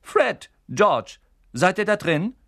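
A man's voice: high voice, sing-song, slow, vocal fry, a bit bright, no room sound, clean studio sound, pitched above the performer's own voice, heavily acted. A man voicing a bossy, fussing middle-aged mother calling after her sons.

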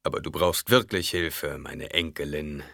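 A man voicing a grossly fat, sly old male baron who speaks low and slow and sinks into oily whispers. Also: fairly even intonation, creaky, sharp tone, dry recording, studio quality, heavily acted. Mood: wheedling.

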